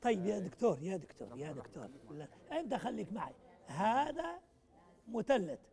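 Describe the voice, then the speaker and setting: A man's voice: high voice, very animated, brisk, gravelly, mellow. A man running a puzzle exercise at a conference workshop, teasing and urging participants, mixing Arabic and English. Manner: playful, teasing, urging people on; switches between Arabic and English.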